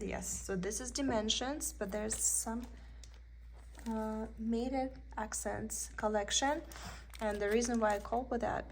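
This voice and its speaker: A young Russian woman with a Russian accent and a medium-pitched voice with vocal fry sits indoors at a table, casually showing off her cross-stitch haul. She thinks aloud as she chats, with slight background noise in the recording.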